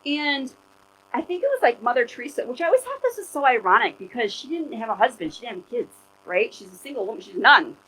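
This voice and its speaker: A middle-aged woman pastor giving a sermon in church, conversational and animated, telling personal stories to make her points. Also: fairly high pitch, fast, breathy edge, poor audio.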